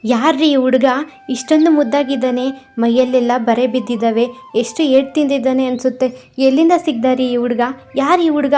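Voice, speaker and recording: Woman doing a caring wife in a cartoon, worried, lots of questions, fairly high. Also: mellow, natural voice. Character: caring wife longing for a child.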